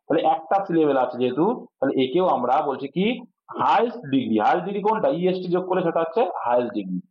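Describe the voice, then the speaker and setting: A man's voice: on the high side, animated, very fast, breathy edge. A man teaching an exam-prep English grammar lesson. He explains step by step and asks his students questions, then answers them himself. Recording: tinny phone-like audio.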